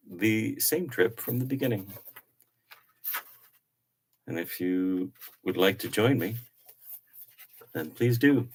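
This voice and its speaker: A middle-aged man reading aloud from his old travel journal in a chatty, casual way, with fillers and self-corrections. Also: deep voice.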